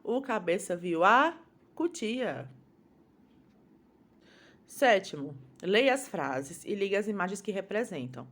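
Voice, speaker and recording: A woman with a Brazilian Portuguese accent leads a children's phonics lesson at an unhurried, deliberate pace. She patiently breaks each word into syllables and says them one at a time. Her voice sits at a middle pitch. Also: big pitch swings. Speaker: teacher.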